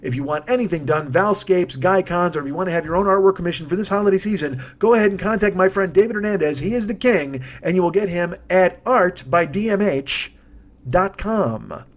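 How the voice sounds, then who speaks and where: Brief: male comedy podcast host with a fairly high voice and a rapid, rambling, profane ad read. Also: expressive. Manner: rambling, profane, self-correcting plug.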